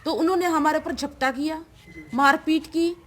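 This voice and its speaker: A woman's voice: sits high, fairly even intonation, moderate pace, a little hiss or hum. A woman in a news interview giving an urgent, aggrieved account, often calling the interviewer sir. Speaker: interviewee, victim's sister.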